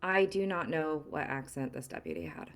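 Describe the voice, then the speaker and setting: A woman's voice: deep voice, animated, moderate pace. A woman playing a hesitant, apologetic witness. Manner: hesitant, apologetic, says she sounds sarcastic. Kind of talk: roleplay in a live-streamed game.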